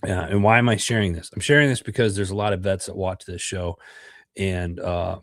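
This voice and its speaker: Low-pitched and brisk, a middle-aged podcast host from the U.S. talks through a rambling livestream with lots of fillers and repeated words, his voice congested by a cold. Recorded in studio quality with no echo.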